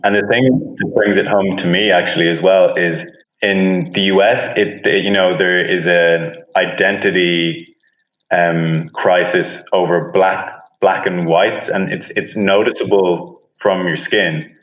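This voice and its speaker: Man guest, very low and monotone, earnest; dull echoey phone recording. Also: a little slow. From Ireland. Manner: earnest, thoughtful, speaks with conviction. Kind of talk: casual interview.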